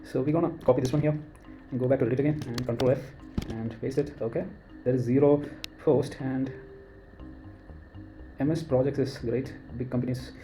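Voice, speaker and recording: A man with an Indian accent talking through his screen in a casual walkthrough, thinking aloud and pausing on fillers. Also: mid-range voice, steady tone, mellow, faint music behind. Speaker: creator.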